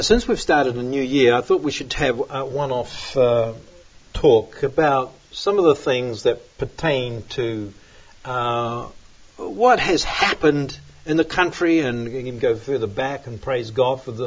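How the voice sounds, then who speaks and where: New pastor guy chatting slow and rambly, husky voice, kinda dull lo-fi sound. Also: medium pitch. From New Zealand. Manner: rambling, hesitant, many fillers. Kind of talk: relaxed sermon chat and prayer. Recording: dull lo-fi recording.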